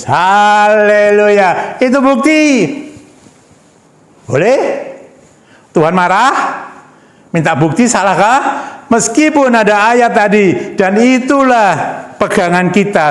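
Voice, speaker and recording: A man preaching a sermon in a church hall. He reads scripture aloud, then comments on it emphatically, calling on the congregation as "brothers and sisters" and asking them rhetorical questions. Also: sits high. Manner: addresses the congregation as "Saudara" and asks rhetorical questions.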